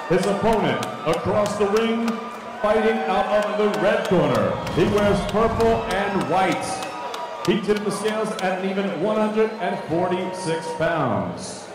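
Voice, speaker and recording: A man's voice: high-pitched, distant mic. A man working as a ring announcer in a theatrical, ceremonious lucha libre style, stretching out names in formal bilingual boxing introductions. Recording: echoey noisy arena PA from afar, crowd.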